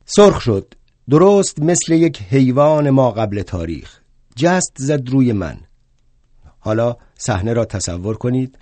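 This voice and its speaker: An older actor, speaking in a mid-range voice with no echo, plays a proud aging revolutionary thinker alone on stage. He narrates his tale with wry humor and erupts now and then into indignant shouting.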